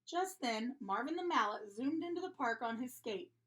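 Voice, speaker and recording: A woman reading a children's picture book aloud in a lively, expressive way. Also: on the high side, moderate pace. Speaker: storybook reader. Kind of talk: children's story read-aloud.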